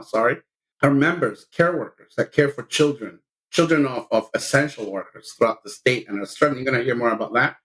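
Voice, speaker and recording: Heard on a low-quality recording, his mid-range, fairly bright voice carries real conviction as the middle-aged union leader from El Salvador talks about justice as a podcast guest.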